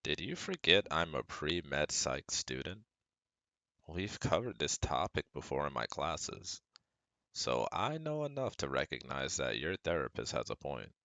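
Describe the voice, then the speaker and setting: With a very deep, bright and forceful voice in a sing-song cadence, a young man speaks at a measured pace, heavily acted and free of room sound. He portrays a protective, caring best friend and psychology student in scripted ASMR, reassuring the listener earnestly and analytically as a close friend.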